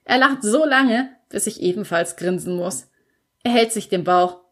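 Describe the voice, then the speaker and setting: A woman narrates a first-person story for an audiobook. Her storytelling is expressive, and her voice sits at a middling pitch. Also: a little slow.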